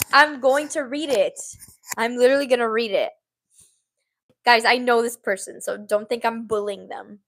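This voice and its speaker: A woman's voice: fairly high pitch, a bit bright. A young woman in her twenties hosting a casual podcast-style livestream, rambling and giggly, saying "like" often into a small mini mic at home. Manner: bubbly, rambling, giggly, says "like" a lot. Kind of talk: casual chat with live comments. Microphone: small handheld mini mic.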